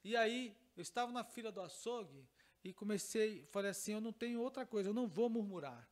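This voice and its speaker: Very high-voiced Brazilian pastor preaching. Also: male voice, expressive, fairly quick. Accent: Brazilian Portuguese. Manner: repetitive, emphatic preaching that swings between soft and loud. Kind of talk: teaching sermon with a personal story. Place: church service.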